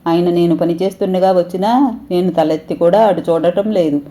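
A woman's voice: fairly low pitch, normal speed, dark tone, lightly acted. A woman voicing a meek, frightened young wife who pleads timidly and tearfully. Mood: pleading.

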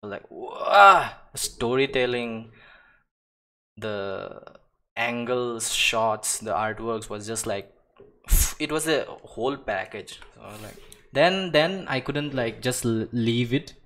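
A medium-pitched man speaks slowly as he paints on a live stream, chatting in a loose, rambling way. This digital artist keeps breaking off his own thoughts, laughs and swears often, and murmurs quietly to himself as he works.

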